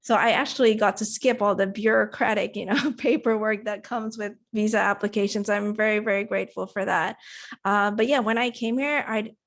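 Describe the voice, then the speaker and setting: A woman's voice: mid-range voice, fairly even intonation, brisk. A woman who grew up in Indonesia and Australia, a TV producer and interview guest, telling her story in a chatty, rambling way with plenty of fillers. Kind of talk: casual interview.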